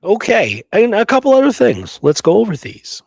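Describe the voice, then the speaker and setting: A man co-hosting a history show talks conversationally and emphatically while debunking an old photograph, drawing out key phrases and posing rhetorical questions. His voice sits high with wildly swooping pitch, vocal fry and a breathy edge, at normal speed. The studio sound is clean with no echo.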